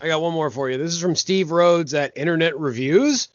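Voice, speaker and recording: A man's voice: on the high side, fairly quick, dry recording, lo-fi sound. A man who is a guest on a casual movie podcast, reading reviews aloud in a newscaster-like manner.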